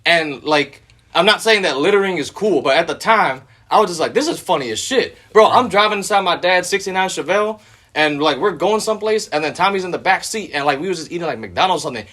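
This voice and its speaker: Bright, laid-back slangy man. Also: sits high, expressive, quick pace. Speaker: podcast co-host. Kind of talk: casual podcast conversation.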